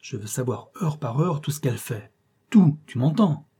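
A man voicing an irascible, scheming older male employment agent who switches between smooth courtesy and temper. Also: mid-range voice, lively intonation, moderate pace, dark tone. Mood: angry. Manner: shifts from bland courtesy to bursts of temper.

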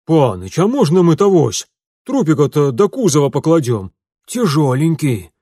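A rustic village constable, played by the audiobook reader, pleads in folksy speech. His voice is husky and dark, with a lively pitch, and the recording is dry. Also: moderate pace, dry recording. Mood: pleading. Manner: folksy dialect speech, wheedling.

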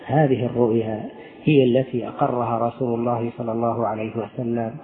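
A man's voice: mid-range voice, little pitch movement, brisk. A middle-aged man teaching a religious text as sheikh, explaining and quizzing his students. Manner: explains, asks the class questions. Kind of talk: lesson commentary. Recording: tinny phone-like recording.

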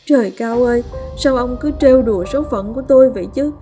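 A woman's voice: on the high side, measured pace, dark tone, big-room sound, soft background music, voice pushed up, natural voice. A woman doing a wailing, guilt-ridden son. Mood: wailing, remorseful. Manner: wailing, sobbing laments. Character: grief-stricken young man, guilt-ridden son.

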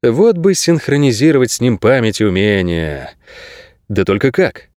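A man narrating an audiobook in a steady, expressive storytelling manner. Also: medium pitch, normal speed, dry recording, clean studio sound. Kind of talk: scripted narration.

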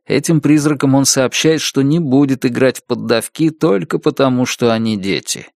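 Gravelly, steady male audiobook narrator. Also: medium pitch, normal speed, dry recording, clean studio sound. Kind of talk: scripted narration.

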